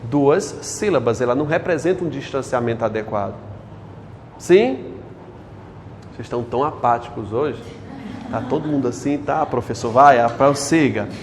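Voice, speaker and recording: A man's voice: mid-range voice, animated, normal speed, pauses often, in a large hall, a little hiss or hum. A male teacher lectures a class on grammar, quizzing the students with questions as he goes.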